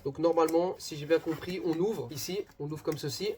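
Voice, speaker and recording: A man's voice: on the high side, a little fast, very noisy. A man hosting an unboxing video in a casual, chatty way, often joking about himself and talking straight to his viewers. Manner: chatty, self-deprecating, addresses viewers as "guys".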